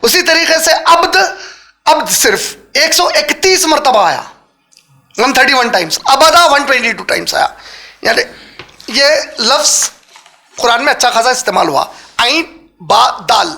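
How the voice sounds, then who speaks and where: A man teaching a live religious class, firing quick questions at his listeners and mixing English words into his talk. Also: very high-pitched, sing-song, sharp tone. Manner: quizzes the audience with quick questions. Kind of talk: interactive Quran lesson lecture. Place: lecture hall with a live audience.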